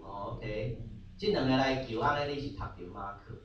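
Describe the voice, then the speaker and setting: A man's voice: medium pitch, moderate pace, highs cut off. Man teaching a Bible class in an echoey room. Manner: sprinkles English terms into his talk, frequent filler particles. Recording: very echoey room, voice from far off, faint background hum.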